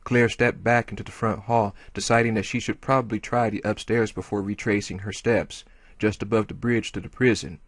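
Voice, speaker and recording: Male audiobook reader, low register, dry recording with soft music. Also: steady tone, brisk, dry recording. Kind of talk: audiobook narration.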